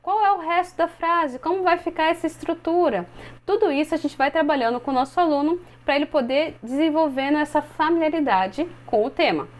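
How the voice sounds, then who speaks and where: With a high voice, a Brazilian woman in her twenties teaches English to other teachers, explaining step by step and slowly modeling phrases.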